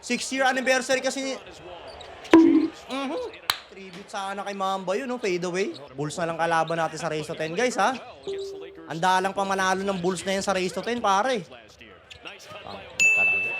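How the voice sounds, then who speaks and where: A young man commentates a basketball game he is playing, his throat scratchy and hoarse from a cough. His voice sits high, and he shouts at good plays and swears at bad ones. Loud crowd noise and ball bounces fill the background. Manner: shouting, cursing at players and referee. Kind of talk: excited live game commentary.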